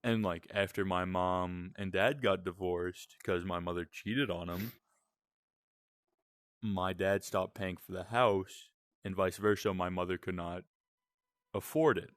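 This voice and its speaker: Rambling young Southern man, very low voice. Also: fairly even intonation, unhurried, no echo, clean studio sound. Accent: Southern American. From Southern United States. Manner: rambling, candid, swears freely. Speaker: podcast co-host. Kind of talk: casual late-night chat.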